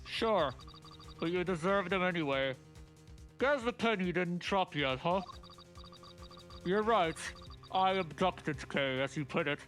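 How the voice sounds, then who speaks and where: A man voicing a teasing mystery caller whose voice is disguised with a deep, pitch-shifted voice changer. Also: expressive, takes it slowly, long pauses, a bit bright, soft background music, full character voice. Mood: smug. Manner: smug, teasing. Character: mocking mystery caller hiding behind a voice changer. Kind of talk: voicing a game character.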